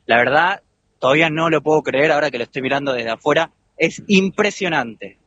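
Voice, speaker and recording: A man's voice: fairly high pitch, a little fast, a bit bright, lo-fi sound, slight background noise. A man with an Argentine Spanish accent reporting live for radio from outside a stadium, describing the scene conversationally. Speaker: field reporter.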